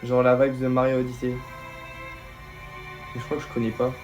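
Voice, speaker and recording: A young man reacting on his channel to a game showcase, addressing his viewers casually. His voice sits at an ordinary middle pitch and jumps into excited outbursts. Faint music plays underneath him. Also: normal speed. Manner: excitable, bursts into shouts of delight; talks straight to viewers as "les gars". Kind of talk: live reaction commentary.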